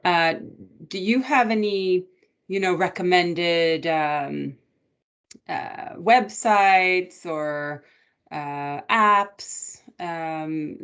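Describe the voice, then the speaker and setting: A woman's voice: low voice, a bit bright, clear, resonant tone. A woman parent asking the teacher questions in an online meeting, hesitant with many ums. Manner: hesitant, many fillers and restarts. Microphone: video call.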